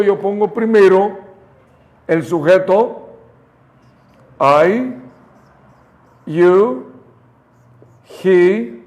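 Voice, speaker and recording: Very slow, high-voiced Mexican teacher. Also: male voice, a little mellow, lo-fi sound. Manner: spells out each step, repeats example sentences slowly for students. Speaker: English teacher. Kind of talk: slow, deliberate grammar lesson.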